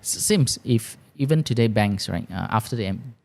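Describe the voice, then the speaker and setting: A man with a Malaysian accent answering interview questions as a business founder, haltingly, repeating words and using non-standard grammar. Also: on the low side, lively intonation, gravelly, a little mellow. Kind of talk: interview conversation.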